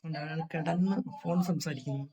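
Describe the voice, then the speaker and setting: A middle-aged woman talks through a sore, hoarse throat in a casual home vlog. Her voice sits low. She chats and calls loudly across the room to her daughter. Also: steady tone, brisk. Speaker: home vlogger. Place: home, indoors.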